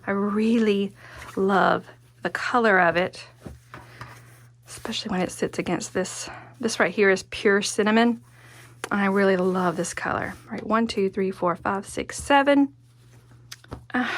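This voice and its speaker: A woman hosts and instructs a casual, hands-on quilting tutorial, chatty and musing and often talking to herself as she works. Her voice is medium-pitched, with slight background noise.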